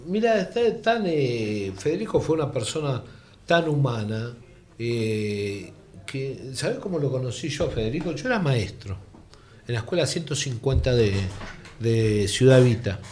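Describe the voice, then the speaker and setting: A man's voice: mid-range voice, a little slow. An older man with a Rioplatense Argentine accent, a former teacher and journalist, telling anecdotes as an interview guest and acting out the voices in them. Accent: Argentine Rioplatense Spanish. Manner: animated, acts out the voices in his stories. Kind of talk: anecdotal storytelling.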